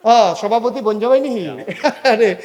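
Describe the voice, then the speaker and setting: A man's voice: high voice, slow pace. A man preaching a humorous sermon, telling a story, acting out dialogue and joking with the audience. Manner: animated, jokes with audience, acts out dialogue. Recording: reverberant hall.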